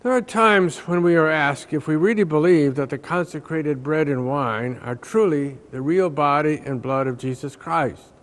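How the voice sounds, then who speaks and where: Slow and measured, an older man who is a priest reads aloud a scripted reflection from a book. His voice sits on the high side, and he is inside a large stone church.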